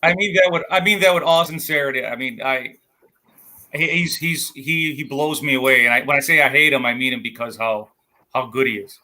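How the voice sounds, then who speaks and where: On a comics panel, a man with a Wisconsin accent chats casually but sounds stern and matter-of-fact, frequently restarting his sentences. His medium-pitched voice moves fairly quickly and has a bright, forceful tone.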